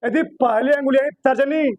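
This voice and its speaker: A man with a very high voice teaches a physics class, repeating himself and firing questions at his students. His comes through on a dry, close recording. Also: a little fast, a little mellow, no echo, muffled recording. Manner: repetitive, quizzing students with questions. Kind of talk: classroom lecture.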